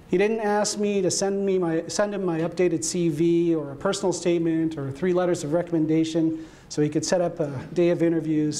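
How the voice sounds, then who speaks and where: A man with a fairly high voice delivers a heartfelt tribute at a conference. He speaks in a measured way and slows down to stress key words. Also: dark tone. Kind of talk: tribute speech at a lectern. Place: conference hall.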